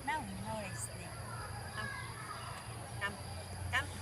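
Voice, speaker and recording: A woman's voice: mid-range voice, lively intonation, slow pace, sharp tone. A woman vlogging in a park, casually chatting and calling her dogs in coaxing baby talk, mixing Tagalog and English. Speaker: vlogger and dog trainer. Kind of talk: casual chat with dogs outdoors. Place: park outdoors. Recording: outdoor noise behind.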